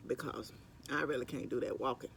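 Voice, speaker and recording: This middle-aged man films mukbang at work during lunch, chatting to viewers in a rambling way and occasionally talking with food in his mouth. He sounds gravelly, fairly bright and mid-range, brisk and steady in tone, with a little hiss or hum.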